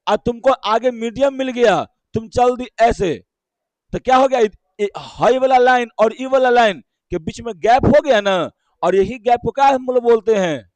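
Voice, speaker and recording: A man teaches a physics lesson in a high, bright-pitched voice with a Bihari Hindi accent. He goes slowly, repeats each key term and keeps asking his class short questions to check they follow. The sound is dry and close. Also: no room sound.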